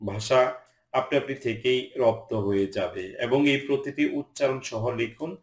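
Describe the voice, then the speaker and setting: A man's voice: mid-range voice, roomy sound. A man teaching English pronunciation in a lesson, reading out word lists one word at a time. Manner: slow, measured listing of single words.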